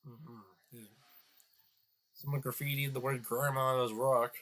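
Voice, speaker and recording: A man's voice: medium pitch, little pitch movement, unhurried, fairly bright tone, a little hiss or hum. A man giving crude, sarcastic reaction commentary on a video, stuffed up and nasal from a cold. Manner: crude, sarcastic, swears often, muttering asides.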